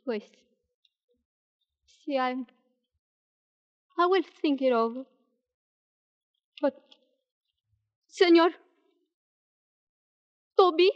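A woman's voice: sits high, animated, extremely slow, pauses often, full character voice. A distrustful young Mexican woman. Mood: guarded. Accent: Mexican Spanish. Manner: blunt, guarded, broken English. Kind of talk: 1940s radio acting. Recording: dull lo-fi old radio broadcast.

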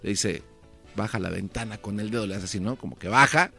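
A man, co-hosting a comedy radio show, bantering and telling a joke, often dropping to a low murmur. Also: a little fast, gravelly, bright, forceful tone, faint music behind.

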